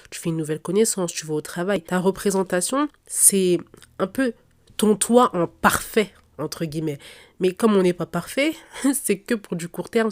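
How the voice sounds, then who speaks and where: A woman's voice: lowish voice, a little mellow. A young woman hosting a podcast with a blocked nose and a cold, giving direct, informal advice straight to the listener. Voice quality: congested, blocked-nose nasal voice. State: sick with a cold and sore throat. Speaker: podcast host. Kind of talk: casual advice monologue to listeners. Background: faint background music.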